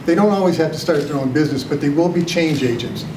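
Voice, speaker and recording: A man's voice: on the high side, fast. An older man, a retiring college vice president, giving a heartfelt thank-you speech with hesitant ums. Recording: echoey room from far off, noisy.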